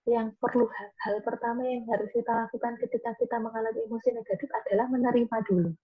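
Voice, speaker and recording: Husky woman calmly reassuring moms on a webinar, dull lo-fi call audio. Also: fairly high pitch, fast. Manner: reassuring, explanatory, repeats key points. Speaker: guest speaker on mental health. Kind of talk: webinar talk with audience questions.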